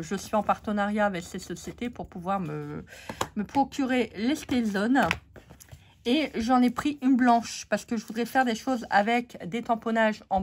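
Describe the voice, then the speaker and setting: A woman's voice: on the high side, slight background noise. French woman losing her voice, chatty. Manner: chatty, many fillers, talks to viewers. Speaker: craft channel host. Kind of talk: casual craft haul chat.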